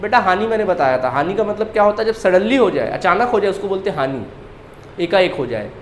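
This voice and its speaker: A man's voice: high-pitched, big pitch swings, fast, roomy sound, a little hiss or hum. A male accountancy teacher giving a classroom lecture, firing questions at students and answering them himself, repeating key terms.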